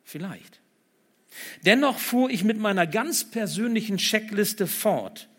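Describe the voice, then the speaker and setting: A male preacher giving a sermon, reading a humorous text aloud slowly and deliberately. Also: high-pitched, expressive, a bit bright.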